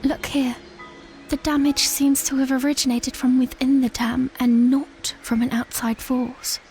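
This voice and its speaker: A woman playing a proud, defiant young princess in an audio drama, firm and measured, with formal phrasing. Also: high voice, little pitch movement, a little mellow, faint music behind. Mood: grave, studious.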